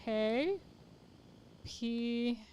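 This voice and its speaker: A woman's voice: fairly high pitch, expressive, drawn-out words, darkish tone, a little hiss or hum. Woman co-host on a gaming stream; teasing, playful banter. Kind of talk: casual gaming chat.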